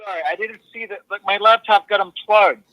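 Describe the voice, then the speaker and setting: A man co-hosting a podcast over a phone call that is held up to a loudspeaker and re-recorded, talking in a flustered, stammering way with many fillers. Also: sits high, steady tone, a little fast, dry recording. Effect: phone call played through a loudspeaker. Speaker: podcast co-host. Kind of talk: casual chat. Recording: muffled lo-fi phone audio re-recorded through speaker.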